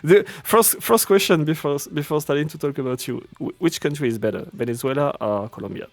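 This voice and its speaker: A man's voice: fairly high pitch, no room sound. Joking man hosting a podcast. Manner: joking, laughs often, halting restarts. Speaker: podcast host. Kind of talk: casual podcast chat.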